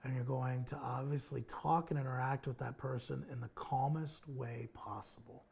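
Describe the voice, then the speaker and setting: A man's voice: medium pitch, fairly even intonation, normal speed, creaky, darkish tone, slightly rough. A male child behavior clinician hosting a parenting advice show, speaking straight to parents and explaining a strategy step by step. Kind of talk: direct-to-camera parenting advice talk.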